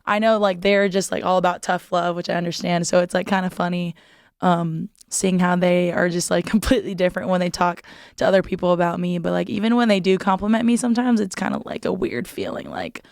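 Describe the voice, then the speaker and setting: A woman's voice: on the low side, a little fast, gravelly, a little mellow, dry recording, clean studio sound. A young woman, a volleyball player, chatting as a guest in an interview, with many "like" fillers and frequent laughs. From United States. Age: young adult. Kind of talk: casual interview chat.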